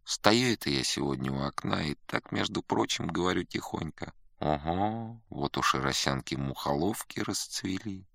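A man voicing a glum young male kappa student with a nasal voice, complaining quietly. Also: sits low, animated, moderate pace, vocal fry, hardly any pauses, dry recording, clean studio sound, pitched above the performer's own voice, heavily acted.

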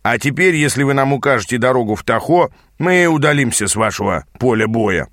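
A gruff male demon mentor grumbles at his apprentice, as a man puts him on. The voice growls with impatience, recorded dry and close for a storybook. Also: medium pitch, expressive, a little fast, fairly bright tone, dry recording, natural voice.

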